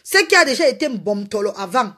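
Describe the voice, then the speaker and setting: Husky-voiced woman on a live stream. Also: medium pitch, a little fast. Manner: animated, repetitive, greets viewers by name. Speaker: live-stream host selling a slimming potion. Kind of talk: casual live-stream chat to viewers.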